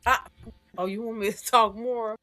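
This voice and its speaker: A woman's voice: on the high side, fairly even intonation, normal speed, bright, forceful tone. A middle-aged woman co-hosting a podcast in casual chat, emphatic and pressing her point with repeated questions. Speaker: podcast co-host.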